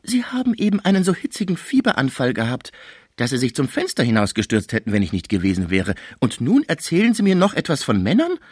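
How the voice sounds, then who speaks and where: Scolding female concierge, shrill, put on by a male narrator; dry sound. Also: big pitch swings, moderate pace, few pauses, fairly bright tone, breathy edge, no room sound, heavily acted. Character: scheming middle-aged female concierge, scolding.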